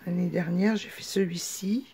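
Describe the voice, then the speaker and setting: A woman with a warm, mellow voice hosts a casual show-and-tell video. She talks in a chatty, halting way, often pausing on fillers and restarting her sentences. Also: fairly low pitch, steady tone, creaky, breathy edge. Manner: chatty, hesitant with many fillers. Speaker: craft vlogger.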